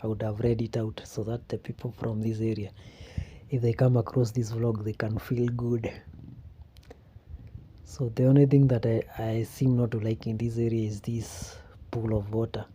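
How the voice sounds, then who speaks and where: A man with a Kenyan accent narrating a casual walking vlog in an unhurried way, often repeating phrases for emphasis. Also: lowish voice, level tone, dark tone. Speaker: vlogger. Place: outdoors on a quiet street. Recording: outdoor ambient noise.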